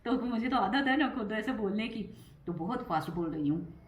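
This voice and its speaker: A middle-aged woman talks to her vlog audience at home, racing along so fast she sometimes trips over a word, and laughs easily as she goes. Her voice sits at an ordinary pitch for a woman. The room around her gives a noticeable echo. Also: expressive. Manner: fast talker who stumbles over words and laughs often. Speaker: vlogger. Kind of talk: casual vlog chat.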